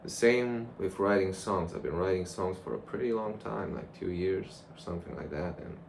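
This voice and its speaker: In a deep voice and at a moderate pace, a young man talks to a camera, drifting through a casual, reflective monologue. He's a vlogger, and the recording has clear background noise.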